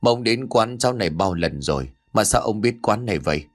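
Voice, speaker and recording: A man putting on a husky ghost innkeeper woman. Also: lowish voice, a little fast. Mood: probing. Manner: flat, soulless questioning. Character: ghostly female innkeeper, cold and menacing.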